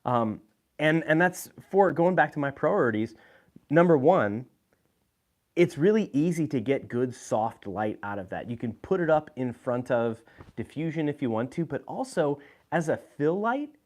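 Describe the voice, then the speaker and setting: A man with a fairly high, sing-song voice and a darkish tone hosts a live video from an indoor room with lights. At a normal pace, he chats casually about his gear, often using fillers and restarting sentences.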